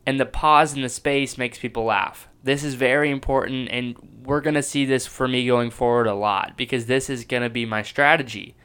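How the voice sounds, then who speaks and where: Smooth-voiced man breaking down his comedy. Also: medium pitch, fairly even intonation, moderate pace, hardly any pauses, fairly bright tone. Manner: enthusiastic and self-reflective, with restarts. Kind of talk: analyzing his own stand-up clip.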